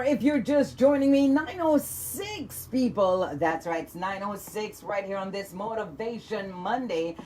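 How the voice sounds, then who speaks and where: A woman's voice: a little high, warm tone, slight background noise, low-quality recording. A woman hosting a morning radio show from the studio, upbeat and encouraging, with frequent affirmations. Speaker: radio host.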